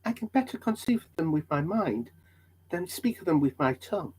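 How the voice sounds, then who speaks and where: A man's voice: sits high, very animated, moderate pace, a little mellow, slightly rough, heavily acted, poor audio. A man voicing an earnest, devout, burdened pilgrim in a hammy, theatrical dramatic reading of an old allegory.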